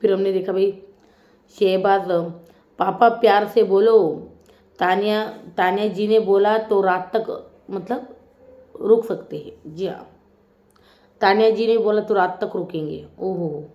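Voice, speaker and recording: A woman's voice: medium pitch, fairly even intonation, a little slow, long pauses, a little mellow, roomy sound, lo-fi sound. A woman chatting casually as she reviews a reality show episode, teasing and mimicking the contestants.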